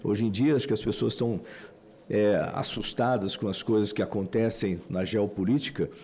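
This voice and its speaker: Brazilian senator talking in committee, warm mellow voice, chatty with lots of "né". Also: male voice, on the low side, fairly even intonation, normal speed. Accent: Brazilian Portuguese. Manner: conversational with fillers, emphatic. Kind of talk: parliamentary speech. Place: legislative committee room.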